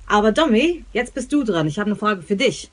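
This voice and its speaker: Lively woman asking a question. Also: medium pitch, brisk. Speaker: former guest sending a question. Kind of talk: friendly recorded video question.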